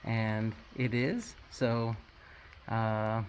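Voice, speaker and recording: A man hosting an informal guided caving tour to camera, explaining things with frequent pauses and hesitations. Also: on the low side, fairly even intonation, dull audio, a little hiss or hum. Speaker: caving guide and vlog host.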